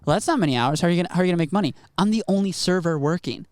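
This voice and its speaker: A man's voice: high voice, lively intonation, racing, a little mellow, dry recording. A man co-hosting a comedy podcast, rowdy and teasing, saying "dude" a lot in casual banter. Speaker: podcast co-host.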